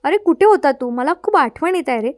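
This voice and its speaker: A woman's voice: sits high, lively intonation, fairly quick, no echo, studio quality. A woman reading the lines of a distraught young woman in love, pleading and tearful.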